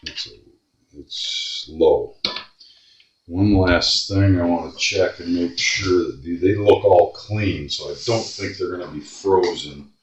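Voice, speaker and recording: At his workshop bench, a man with a low voice slowly mutters and grumbles to himself as he repairs a guitar, giving a kind of workbench commentary. He is far from the mic, off-axis in an echoey room.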